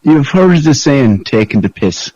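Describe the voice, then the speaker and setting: Over a dull, lo-fi voice call, a man with a medium-pitched, sing-song voice chats and tells stories at an unhurried pace. His tone is warm, and his casual talk is full of swearing and conspiratorial asides.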